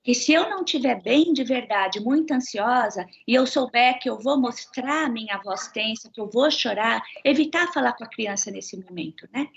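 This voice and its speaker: A woman's voice: on the high side, lively intonation, moderate pace, gravelly, hardly any pauses, highs cut off, a little hiss or hum. A woman moderating a live health talk, asking guiding questions and summing up the guest's points. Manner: asks guiding questions and sums up. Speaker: host and moderator.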